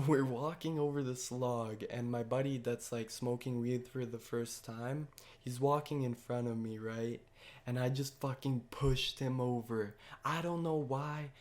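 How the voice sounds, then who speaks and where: A man's voice: mid-range voice, darkish tone. Young man, casual storytelling, slangy, lots of swearing. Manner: slangy, swears constantly, says "bro". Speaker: vlogger.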